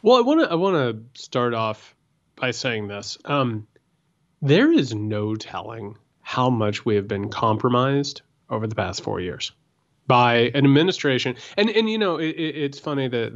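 A man co-hosting a political podcast, talking in an animated way and often repeating words as he builds a point. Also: medium pitch, dull audio. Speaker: podcast co-host. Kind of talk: political commentary chat.

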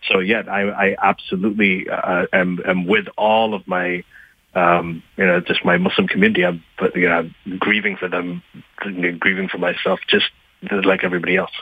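A man guesting on a radio show by phone, speaking haltingly and thoughtfully, with lots of fillers and restarts. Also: sits low, lively intonation, husky, no echo. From Pakistan, Libya and Saudi Arabia. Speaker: guest author. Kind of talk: phone-in interview. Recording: tinny phone line.

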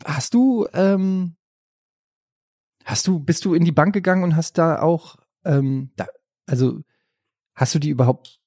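A man playing a panicky, bossy husband hiding after a bank robbery, stammering and hushing in an improvised comedy sketch. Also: on the high side, no echo, clean studio sound. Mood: probing. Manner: hurried, stammering, hushed bossing.

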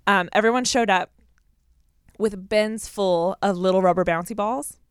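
A young woman co-hosting a chatty podcast, telling stories in animated, colloquial speech peppered with "like". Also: mid-range voice, measured pace, clean tone, no echo, clean studio sound. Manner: animated, colloquial, heavy use of "like". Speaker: podcast co-host. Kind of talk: casual chat and storytelling.

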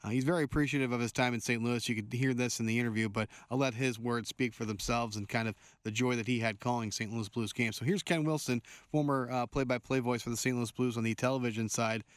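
A man's voice: mid-range voice, steady tone, quick pace, few pauses, no room sound, studio quality. A man hosting a sports podcast, chatting easily as he links between clips. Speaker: podcast host.

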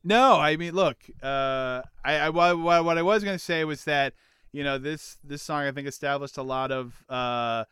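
A man hosting a podcast in casual, comedic chat, with a halting delivery that often repeats words. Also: fairly high pitch, a bit bright, smooth, no room sound, studio quality. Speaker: podcast host.

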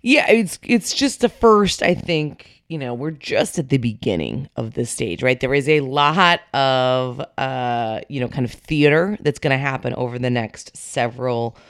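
A woman co-hosting a political news podcast, reading the headlines briskly and then chatting casually. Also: very deep voice, animated, no echo, clean studio sound. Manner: brisk, upbeat presenter delivery. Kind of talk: scripted news intro and casual chat.

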